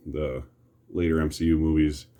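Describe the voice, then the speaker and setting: A man's voice: very deep voice, little pitch movement, normal speed, dark tone, a little hiss or hum. A middle-aged American man giving casual, rambling commentary in an opinionated, grumbling back-in-my-day rant with some mild swearing. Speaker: host reminiscing about superhero films.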